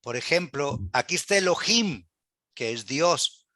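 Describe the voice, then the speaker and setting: A man teaches a church Bible class in a high, bright voice. He asks rhetorical questions and quotes scripture aloud with earnest emphasis. The sound is dry and close. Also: lively intonation, a little slow, dry recording.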